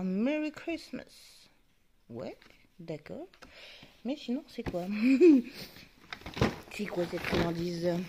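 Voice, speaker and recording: Chatty woman with a lively voice. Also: mid-range voice, slight background noise. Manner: chatty, talks to the camera focus, muttering asides. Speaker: YouTuber unboxing advent calendars. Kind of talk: casual chat.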